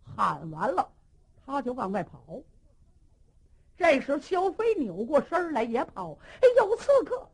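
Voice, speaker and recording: A woman's voice: high voice, very animated, a little slow, gravelly, long pauses, slightly rough. A woman telling a traditional Chinese story dramatically, with spoken sound effects.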